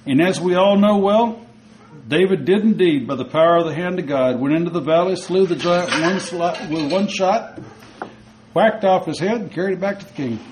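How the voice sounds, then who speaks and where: A man's voice: sits high, normal speed, darkish tone, slight background noise, poor audio. A male preacher giving a sermon, retelling a story conversationally with rhetorical questions.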